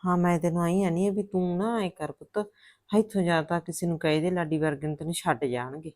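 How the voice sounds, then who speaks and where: A woman's voice: on the low side, steady tone, a little fast, a little mellow, lightly acted. An actress playing a worried middle-aged mother-in-law on the phone, with a coaxing, repetitive way of talking. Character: worried older mother-in-law, alone at home.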